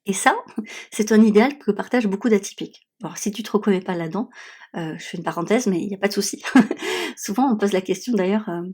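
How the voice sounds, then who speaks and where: Woman, podcast host, swollen-tonsil voice, stuffy nose, medium pitch, reflective conversational monologue. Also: quick pace, a little mellow, breathy edge. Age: adult, has children. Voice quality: congested, slightly nasal small voice. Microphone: newly bought podcast microphone.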